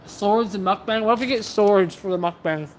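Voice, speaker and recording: A woman's voice: mid-range voice, moderate pace. Chatty woman streamer with faint noise. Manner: chatty, scattered, self-interrupting. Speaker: livestream host and sword practitioner. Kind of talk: casual livestream chat with viewers.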